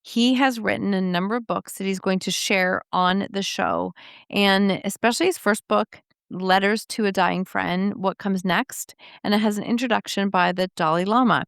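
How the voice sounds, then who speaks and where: A woman's voice: medium pitch, fairly even intonation, normal speed, creaky, fairly bright tone, clean tone, no room sound, clean studio sound. A woman hosting a podcast, introducing her guest and interviewing him with effusive enthusiasm. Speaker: podcast host.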